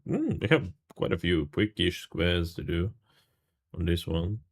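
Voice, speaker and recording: A man talks his way through a live game stream, greeting and thanking viewers between moves. His voice sits low yet moves a lot, rising and falling freely. The tone stays casual, loose and sprinkled with swearing. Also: big pitch swings, measured pace. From Serbia.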